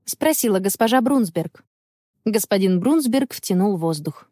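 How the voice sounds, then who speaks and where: Expressive woman reading a children's story. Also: mid-range voice, measured pace, no echo, studio quality. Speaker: audiobook narrator. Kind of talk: scripted storybook narration.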